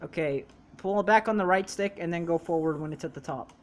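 A woman's voice: on the low side, a little fast. Teasing young woman coaching a gamer. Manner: bossy, teasing, bursts into exasperated yelling. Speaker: gaming channel co-host coaching her sister. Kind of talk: casual gaming commentary.

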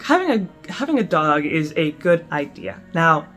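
A woman's voice: low voice, big pitch swings, moderate pace, fairly bright tone, soft background music. A young woman in her twenties giving casual camping advice to the camera at home, chatty, with lots of fillers and restarts. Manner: chatty, gestures a lot, many fillers and restarts. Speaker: camping vlogger. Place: small indoor room at home.

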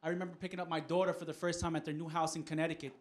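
A man's voice: on the high side, little pitch movement, rapid-fire. A man from New York doing a stand-up comedy set, talking conversationally and making asides to the audience.

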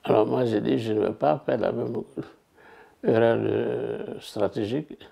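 A man in his eighties giving a deliberate, measured testimony at home. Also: medium pitch, fairly even intonation, gravelly, mellow, breathy edge. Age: 80s. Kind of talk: testimony interview. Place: living room, indoors.

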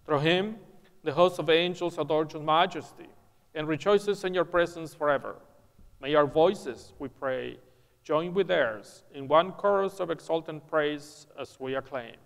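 Man priest praying at mass, slightly high smooth voice, big cathedral echo trailing off. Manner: solemn, measured recitation. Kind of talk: liturgical prayer at Mass. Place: large church. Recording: long echoing church reverb.

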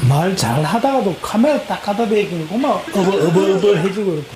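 A woman's voice: medium pitch, expressive, normal speed, noisy background. A middle-aged woman, chatting and explaining things casually on a local talk show. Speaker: local resident, woodcraft shop owner.

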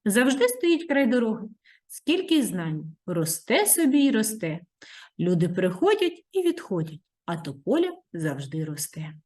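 Calm, very old storybook grandfather, read by a woman teacher, slow and quiet. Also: mid-range voice, voice pushed up.

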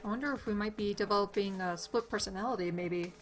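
A woman's voice: medium pitch, quick pace, soft background music. Woman reading a story game aloud. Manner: steady first-person reading with small slips, blunt swearing asides. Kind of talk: reading game text aloud in a playthrough video.

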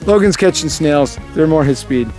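At a wooded campsite, a forties-aged vlogger dad keeps the camera at arm's length while narrating his family's camping trip with jokes and playful energy. He sounds animated and fairly high-pitched at a moderate pace, with music in the background.

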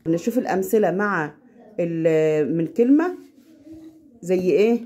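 Patient Egyptian woman tutoring softly. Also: lowish voice, lively intonation. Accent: Egyptian Arabic. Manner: patient, slow when demonstrating recitation. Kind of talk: casual home lesson.

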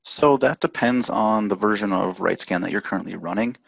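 Gravelly low-voiced man, lo-fi. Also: normal speed, dry recording. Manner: plain instructional, with ums. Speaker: support staff presenter. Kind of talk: webinar presentation. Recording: dull, dry lo-fi line.

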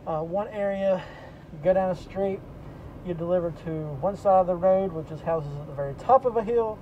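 A man's voice: high-pitched, brisk, dull audio. A man talking through a stack of face masks, explaining step by step in a matter-of-fact casual vlog from inside a parked delivery vehicle. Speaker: delivery driver vlogger. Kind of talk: casual vlog talk to camera. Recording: noisy vehicle ambience.

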